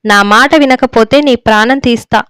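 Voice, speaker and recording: A woman reading aloud puts on a harsh older father who bellows his scolding in a storybook reading. Her voice stays clear and smooth against a dry, close sound. He comes across as an overbearing man who is quick to rage. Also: a little high, fairly bright tone, dry recording, close to an everyday voice. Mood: angry.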